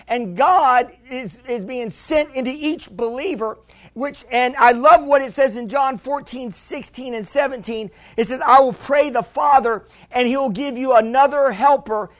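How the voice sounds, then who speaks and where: A man with a very high voice preaches to his congregation. He calls for amens and leans on repeated words as he drives his points home. The sound is a church sermon. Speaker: pastor.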